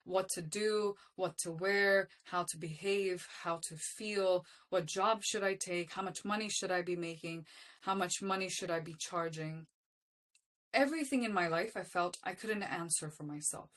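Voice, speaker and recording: Woman yoga teacher, lowish voice, earnest and heartfelt, lots of short repeated phrases. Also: moderate pace, a bit bright. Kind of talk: personal teaching talk to a class.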